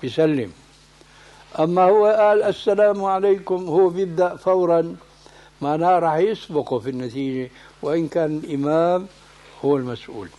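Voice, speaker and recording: A man's voice: on the high side, a little fast, dark tone. A man, a religious scholar giving a lesson, who corrects emphatically and poses questions he answers himself.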